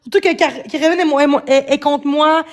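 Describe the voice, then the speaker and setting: A woman's voice: high-pitched, steady tone, fairly quick. A young woman with a Quebec French accent, ranting defensively on a livestream and stumbling over repeated words. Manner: agitated, defensive, stammering repeats. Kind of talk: upset livestream rant.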